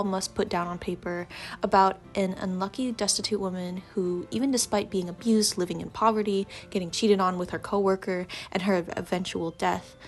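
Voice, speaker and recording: Congested young woman reviewing books. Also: mid-range voice. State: congested from allergies. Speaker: book vlogger. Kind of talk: casual book review vlog.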